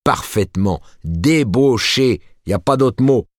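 A man's voice: mid-range voice, lively intonation, unhurried, no echo, studio quality, voice pushed up, natural voice. A man voicing a cold, vindictive middle-aged shopkeeper husband who hammers every word. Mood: cold, scolding.

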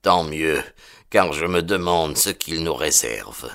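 A man reading an audiobook, voicing a stern old farmer and protective father in a low, slow, grim manner. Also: animated, a bit bright, heavily acted. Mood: angry.

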